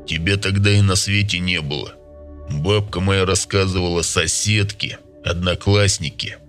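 A man voicing a gruff older village man who talks plainly and scoffs at rumors. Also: sits low, fairly even intonation, normal speed, fairly bright tone, soft background music. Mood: wary.

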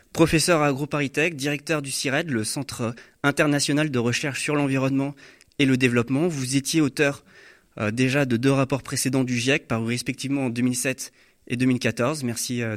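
A man's voice: mid-range voice, steady tone, fairly quick. Mid-voiced male host, reads his intros with hesitant fillers. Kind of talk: studio interview.

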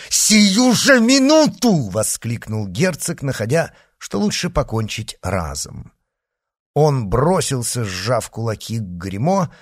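A man narrating an audiobook with a lively, expressive delivery. His pitch rises and falls widely through each sentence, and the recording is dry and close, with no room sound. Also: breathy edge, no room sound. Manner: expressive, lively reading with acted dialogue. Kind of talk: scripted narration of a classic novel.

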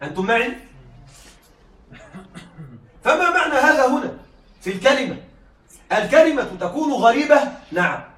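High-voiced male teacher in an echoey room. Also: very animated, moderate pace, long pauses, a bit bright. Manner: explains step by step, asks the class questions. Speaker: teacher of Arabic rhetoric. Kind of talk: classroom lecture. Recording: echoey room, mic at a distance.

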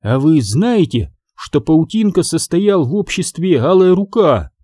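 A man's voice: fairly high pitch, very animated, a little slow, dark tone, dry recording, studio quality, pitched above the performer's own voice. A man doing an earnest old grandmother. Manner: earnest, pleading. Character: resolute old grandmother, kindly investigator.

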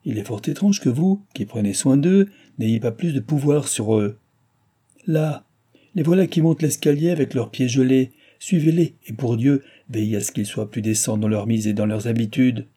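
Man shouting as a furious, thunderous gentleman. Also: medium pitch, moderate pace, breathy edge, natural voice. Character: angry middle-aged gentleman, the children's father.

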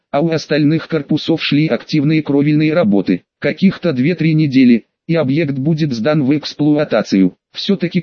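A man narrating an audiobook in the first person with an even storytelling delivery. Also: fairly high pitch, no echo, dull audio.

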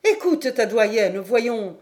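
A woman's voice: fairly high pitch, expressive, drawn-out words, a little mellow. A woman voicing a firm, motherly old innkeeper scolding a drunk, for an audiobook. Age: older.

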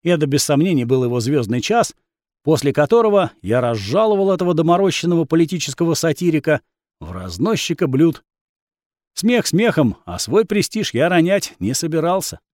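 A man's voice: fairly high pitch, sing-song, normal speed, a little mellow, no room sound, clean studio sound. A man narrating a first-person fantasy audiobook in a wry, ironic tone.

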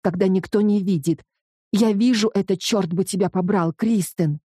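Woman voicing a young man, hurt, insistent, pleading, mellow tone, dry audiobook sound. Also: medium pitch, moderate pace, husky, no echo, close to an everyday voice.

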